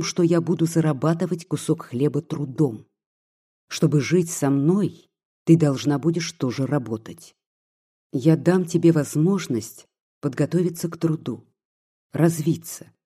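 Reader doing a cold commanding gentleman, dark mellow husky voice, clipped and measured. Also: a little high. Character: stern cold-tempered man of the 1860s. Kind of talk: audiobook reading.

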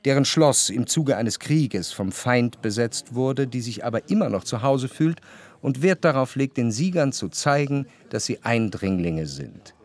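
A male actor with an expressive, medium-pitched voice plays the first-person narrator in a German radio drama. The narrator is reflective and observant, speaking in a measured, literary way with a reflective, wry mood.

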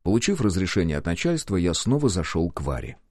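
A man narrating an audiobook in the first person, with expressive storytelling. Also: deep voice, fast talker, no echo, studio quality.

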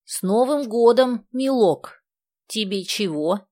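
Lady doing a sweet old village granny, high and slow, folksy and kind, dry audiobook sound. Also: animated, mellow, dry recording. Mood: folksy chatter. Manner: folksy, unhurried, kindly. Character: chatty old village woman, kindly.

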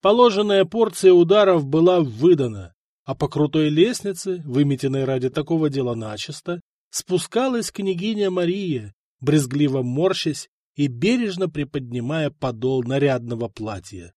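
A man narrates a historical story with dramatic, expressive delivery. His voice sits fairly high and moves widely in pitch. The recording is close and dry, with no room sound. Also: moderate pace, no echo. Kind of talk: audiobook narration.

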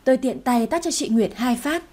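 A woman reads a first-person story aloud in a steady, even tone. Her voice is husky and mellow, sitting slightly high. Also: moderate pace.

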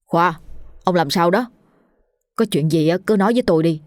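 A woman's voice: on the low side, moderate pace, a little mellow, dry recording, clean studio sound, close to an everyday voice. A woman voicing a blunt young male coworker who scolds and worries over his friend. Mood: blunt worry.

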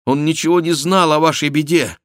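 A man's voice: a little high, steady tone, a little fast, no room sound, clean studio sound, pitched above the performer's own voice, natural voice. A man reading the part of a young noblewoman who earnestly implores and comforts an old baron. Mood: pleading. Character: young noblewoman, gentle and pleading.

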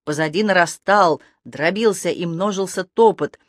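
A lively audiobook narrator tells a fantasy adventure with a medium pitch that leaps higher and louder in the fast scenes. The recording is dry and close, with no room sound. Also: no echo. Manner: lively expressive reading that shifts pitch and loudness for action.

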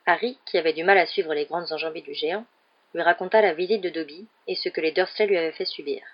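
A woman narrating an audiobook in a steady, measured storytelling voice. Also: lowish voice, dull audio.

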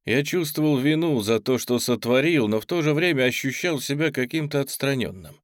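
Guy narrating a book, steady and measured, mid pitch, dead dry sound. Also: no room sound. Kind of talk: audiobook narration.

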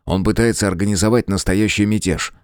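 A man voicing an indignant, determined gentleman scholar in an audiobook. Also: on the low side, fairly even intonation, a little fast, clean tone, no room sound, studio quality, natural voice. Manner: indignant, heated.

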